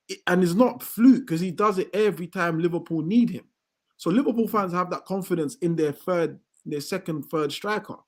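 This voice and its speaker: A man, a football fan ranting in heated casual chat, swearing often and building to loud outbursts. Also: high voice, slightly rough. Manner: swears a lot, rants with rising outbursts.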